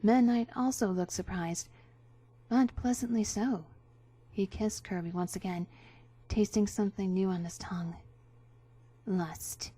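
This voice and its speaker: A woman narrating a story as a theatrical dramatic reading, with hammy, drawn-out emphasis. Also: mid-range voice, warm tone, husky. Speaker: narrator, reader.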